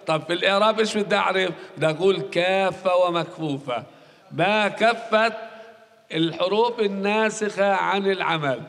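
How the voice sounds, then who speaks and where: A man's voice: high voice, fairly bright tone, big-room sound. A male university lecturer with a Palestinian Arabic accent, teaching grammar in a recorded classroom lecture, repeating key rules and quizzing his students.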